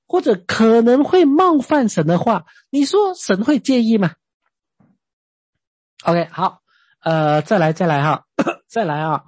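Female preacher, husky and dry-miked, folksy talk-style sermon full of questions to the listeners. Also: mid-range voice, darkish tone, no echo. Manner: chatty, asks the listeners questions, often hesitates. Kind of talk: conversational sermon.

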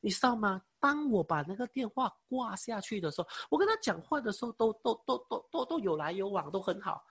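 A young man preaching and giving a personal testimony, halting with many fillers, speaking with emotion. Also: sits high, very animated, a bit bright, husky. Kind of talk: sermon testimony.

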